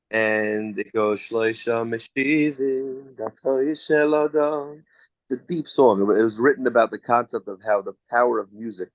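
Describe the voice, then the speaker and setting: A man's voice: on the low side, no echo, low-quality recording. A man from the United States, a singer answering interview questions in a chatty, storytelling way with frequent restarts.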